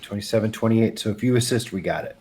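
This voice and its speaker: Low-voiced man counting dice aloud. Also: fast talker, a little mellow, a little hiss or hum. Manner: counting dice aloud, second-guessing his math. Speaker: player. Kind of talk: playing a tabletop game over a call.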